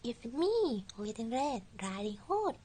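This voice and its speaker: A woman's voice: on the high side, very animated, takes it slowly, warm tone, a little hiss or hum. A woman playing an innocent little girl in an amateur storybook play. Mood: cheerful, innocent.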